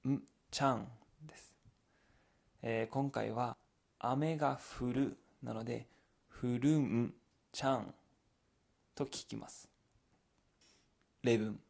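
Gravelly Kansai man teaching phrases. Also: medium pitch, darkish tone. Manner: patient, explains step by step, mixes in English glosses. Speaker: language teacher. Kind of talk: explaining Kansai dialect phrases to learners.

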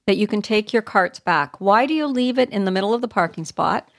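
Woman, middle-aged, podcast co-host, animated casual chat, dry close mic. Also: medium pitch, a little fast, vocal fry, no echo.

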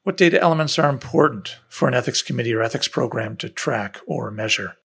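A man's voice: mid-range voice, fast talker, creaky, slightly rough. A man hosting a podcast, reading a scripted introduction and asking prepared questions. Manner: reads steady prepared lines and questions. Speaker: podcast host.

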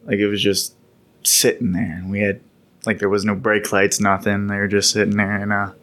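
On a podcast, a man co-hosting the show tells a long, rambling story from his time in the military, laughing as he goes in a laid-back, conversational way. His voice sits fairly low with a fairly bright tone, and though his delivery is flat, the pace is brisk.

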